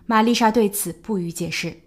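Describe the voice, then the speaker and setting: Woman narrating a true crime story. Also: mid-range voice. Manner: measured storytelling with suspenseful emphasis. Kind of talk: scripted narration.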